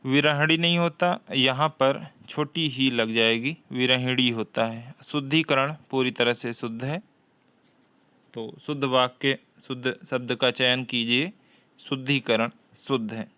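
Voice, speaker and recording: A man leads an exam-prep lesson at a slow, deliberate pace. His voice is smooth and clear, and he repeats each question before working through the answer. The sound is dry and a bit dull, as if close-miked in a small room. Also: mid-range voice, steady tone, pushed and bright, no room sound. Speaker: Hindi teacher.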